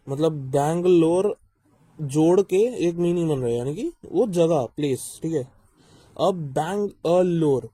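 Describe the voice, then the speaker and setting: The reaction video host here has a fairly high, warm voice with no echo. Explaining rap lyrics casually and didactically, he muses aloud with many fillers and restarts, mixes in English terms, and repeatedly checks that listeners understand.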